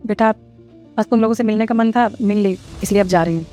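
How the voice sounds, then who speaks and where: A woman's voice: mid-range voice, fast talker, dark tone, soft background music, natural voice. A woman playing a fussy, easily offended mother-in-law in a family drama, complaining and indignant. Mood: resigned. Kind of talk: Hindi family drama acting.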